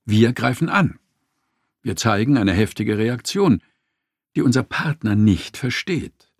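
Brief: man reading a nonfiction audiobook, lively pitch, dry close sound. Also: a little slow, no echo. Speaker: audiobook narrator. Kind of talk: scripted audiobook narration.

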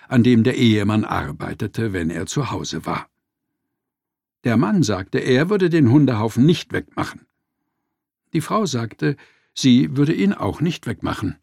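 A man narrating a story in a scripted, expressive and wry manner. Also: medium pitch, vocal fry, slightly rough, dry recording, studio quality.

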